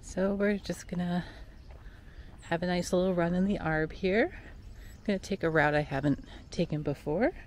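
Lower-voiced middle-aged American woman vlogging. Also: moderate pace, darkish tone, a little hiss or hum. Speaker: running vlogger. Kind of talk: casual vlog chat. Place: on location at trails outdoors or in a parked car. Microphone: handheld camera at arm's length.

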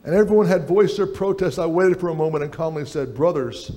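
A man's voice: a little high, a little fast, mellow. A middle-aged man preaching a sermon on a church stage, reading aloud from a book at a lectern.

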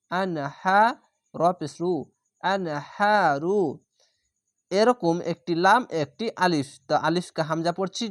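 In a clean studio recording with no echo, a man whose voice is a little high teaches Quran reading. He spells out every word by letter and vowel, then recites the whole word slowly and drawn out.

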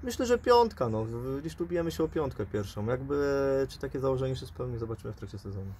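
A man in his forties, a football coach, interviewed outdoors by the pitch, talking fast and hedging with repeated fillers. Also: expressive, darkish tone, a little hiss or hum. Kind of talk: post-match interview. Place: outdoors by a pitch, under a dugout shelter.

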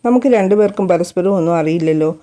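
A woman reading as a gentle young husband. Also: high-pitched, fast, lightly acted. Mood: tender. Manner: soft, affectionate.

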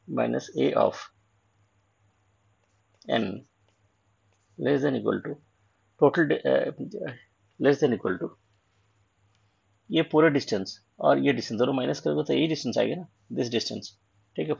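A man's voice: medium pitch, slow pace, vocal fry, long pauses, darkish tone, slightly rough. A man with an Indian accent working through an assignment as an online tutor, mixing English and Hindi and explaining step by step. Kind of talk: assignment walkthrough lecture. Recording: dull lo-fi recording.

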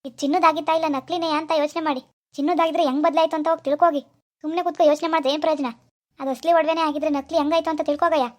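A woman's voice: high-pitched, steady tone, racing, natural voice. A woman voicing an impatient scolding pawnbroker. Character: irritable male pawnbroker, bossy and scornful. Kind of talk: animated cartoon dialogue.

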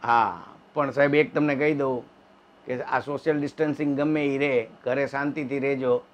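A man telling jokes in an animated stand-up comedy monologue. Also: normal speed, a little hiss or hum. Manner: animated storytelling, wife voices in high falsetto. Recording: dull lo-fi sound.

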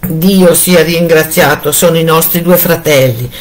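A woman's voice: low voice, a little slow. A woman voicing a young, terrified wife who pleads and calls out anxiously. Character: young terrified wife begging for her life.

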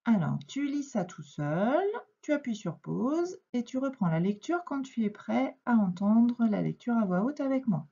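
Woman schoolteacher, French accent, slightly husky, clear explanations, lo-fi recording. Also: on the high side, animated, mellow. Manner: slow, clear, patient explaining with stretched words. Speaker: primary school teacher. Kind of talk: reading lesson for young children. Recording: dull, lo-fi home recording.

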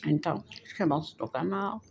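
Cutlery and dishes clink around an older woman as she talks casually and warmly to her viewers at home, her handheld phone capturing the indoor dining room scene. She has a European Portuguese accent and a low, gravelly, somewhat mellow voice at a moderate pace.

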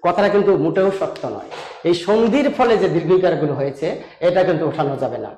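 A man's voice: high voice, animated, quick pace, a little mellow, echoey room. A man teaching a grammar lesson, explaining patiently step by step and asking rhetorical questions. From Bangladesh.

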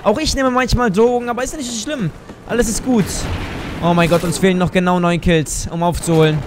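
A man giving live commentary on a shooter game, excitable, exclaiming and cursing as he plays. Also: high-pitched, fairly quick, background noise. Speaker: gaming YouTuber. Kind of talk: live let's play commentary.

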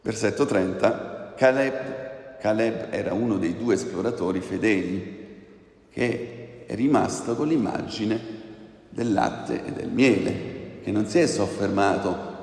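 Low gravelly guy preaching slow, big echo in a church. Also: darkish tone. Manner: slow, emphatic preaching with rising exclamations. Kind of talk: sermon. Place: church hall. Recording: echoey church with long reverb.

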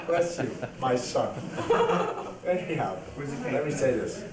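Middle-aged dad on an old VHS home tape. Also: male voice, medium pitch, expressive, takes it slowly, over a noisy crowd. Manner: jokey, teasing, laughs often. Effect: old VHS camcorder home video sound. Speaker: father celebrating his birthday. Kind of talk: home video banter and birthday toast. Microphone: camcorder built-in mic at a distance. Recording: echoey room, camcorder mic far off, loud music.

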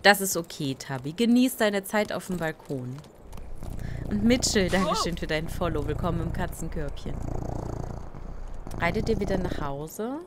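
A woman's voice: fairly low pitch, noisy background. A tired woman streaming a life-sim game, chatting casually and greeting viewers by name with playful asides. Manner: slow, relaxed talk with playful asides. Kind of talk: casual live-stream commentary.

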